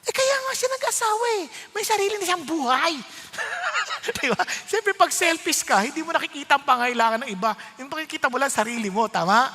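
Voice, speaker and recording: A middle-aged man preaching a sermon, telling a personal story and acting out the dialogue in an animated way. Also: extremely high pitch, a little fast, few pauses. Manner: animated, acts out dialogue, laughs often. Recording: long hall reverb.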